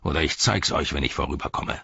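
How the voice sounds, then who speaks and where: A man's voice: a bass voice, fast, vocal fry, sharp tone, husky, dry recording, heavily acted. A man voicing a brutal male orc slave driver who barks orders and sneers, in an audiobook. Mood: barking threats. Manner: barking, sneering. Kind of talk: audiobook character voice.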